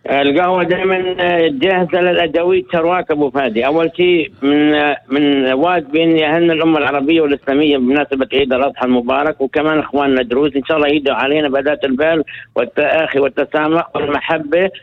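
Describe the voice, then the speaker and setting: A man phones into a radio show and talks at a rapid clip in a fairly high voice. He rambles, restarting and repeating words as he goes. The sound comes through a thin, tinny phone line. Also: steady tone. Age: 50s. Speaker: phone-in guest, retired colonel. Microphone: telephone.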